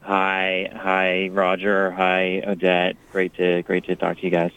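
Man, low deep voice, phone-in interview guest, thoughtful, halting delivery. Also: completely flat delivery, fairly bright tone, clear, resonant tone, rough recording. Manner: thoughtful, halting, with repeated hedging phrases. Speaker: radio show guest calling in by phone. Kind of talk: interview talk. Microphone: phone call.

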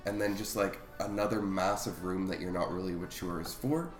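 A man's voice: sits low, steady tone, brisk. A man playing a tabletop game, describing a scene in a hesitant way with many fillers. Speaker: player. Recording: echoey room with faint music.

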